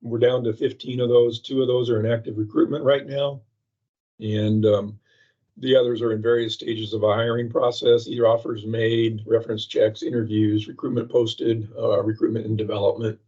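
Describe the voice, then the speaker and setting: A man presenting a slide update at a public meeting over a patchy remote microphone that sounds muffled, as if heard through a wall, speaking in halting bursts with many fillers. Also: mid-range voice, little pitch movement, dark tone. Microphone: remote call microphone with a patchy connection. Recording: muffled, dull remote call audio.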